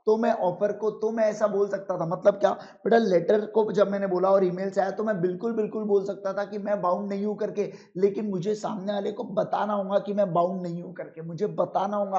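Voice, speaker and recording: A man teaching law in an online exam-prep lecture, calling students "my children", asking check questions, and reading rules slowly. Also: high-pitched, warm tone. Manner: reads legal rules slowly and with emphasis. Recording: dull lo-fi sound.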